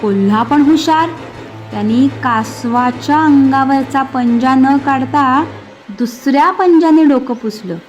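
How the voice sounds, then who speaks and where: A woman narrating a children's story in a lively, expressive way. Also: sits high, takes it slowly. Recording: soft background music.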